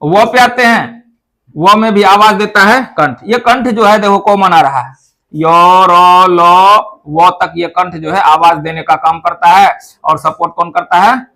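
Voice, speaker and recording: In a Sanskrit pronunciation lesson, a man explains things step by step, posing questions and answering them himself while slowly saying each sound to demonstrate. His voice sits high, with vocal fry and a sharp tone.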